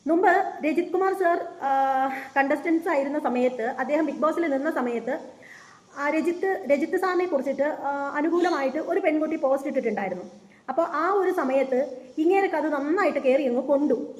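A woman's voice: high-pitched, moderate pace, a little mellow. A woman hosting a reaction channel, delivering an indignant, scornful opinion rant with repeated points and many fillers.

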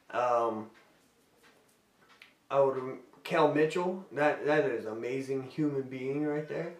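His voice is mid-range and far from the mic, so the audio sounds roomy. In this laid-back vlog he answers fan questions amiably, wandering off topic and frequently abandoning sentences halfway.

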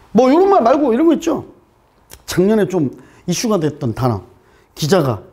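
A man's voice: high voice, mellow. A man teaching an exam-prep English lesson, firing rhetorical questions at his students, dropping English terms into his explanations and making jokey asides.

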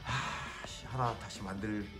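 A man's voice: on the low side, fairly even intonation, loud music behind the voice. Man admiring his own models. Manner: admiring, unhurried, many "네" fillers. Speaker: model builder and channel host. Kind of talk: casual walkthrough vlog. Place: indoor exhibition cafe.

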